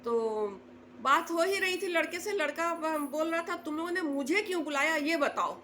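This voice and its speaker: High-voiced woman telling a family story. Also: lively intonation, normal speed, sharp tone, slight background noise. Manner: conversational, acts out quoted family lines in a lowered voice. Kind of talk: casual spoken storytelling.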